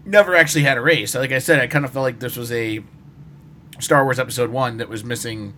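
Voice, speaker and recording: A man's voice: medium pitch, a little fast, bright, forceful tone, a little hiss or hum. A man hosting a podcast, chatting casually through an episode review. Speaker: podcast host.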